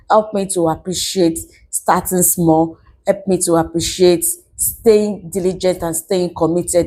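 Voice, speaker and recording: Female vlogger, thirties, lower register and very mellow tone, devout testimony, restates phrases for emphasis. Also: rough recording. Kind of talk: personal testimony vlog to camera.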